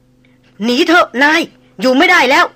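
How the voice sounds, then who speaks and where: A woman's voice: sits high, animated, measured pace, pushed and bright, pitched above the performer's own voice, exaggerated voice. A woman voicing a panicked male jungle tracker, pleading breathlessly.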